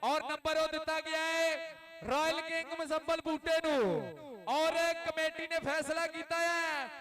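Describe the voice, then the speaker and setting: Very high, exclamatory Punjabi male kabaddi announcer. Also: a little slow. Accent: Pakistani Punjabi. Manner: loud, exclamatory, repetitive hype. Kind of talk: frantic rural sports commentary. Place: outdoor village kabaddi ground. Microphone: live commentary microphone. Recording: loud outdoor crowd behind PA commentary.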